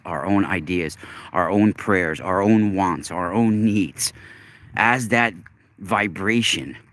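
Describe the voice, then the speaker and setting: A man's voice: low voice, a bit bright. A man talking casually to his livestream viewers while walking outdoors, musing earnestly and stretching words for emphasis. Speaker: livestream host. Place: outdoors, walking in snow along a road.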